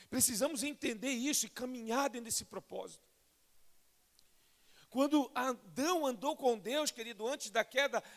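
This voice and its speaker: A Brazilian man preaching a fervent sermon as a pastor, swelling from soft to loud and often calling listeners "querido". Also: extremely high pitch, vocal fry. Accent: Brazilian Portuguese. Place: large church sanctuary. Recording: long hall reverb in church.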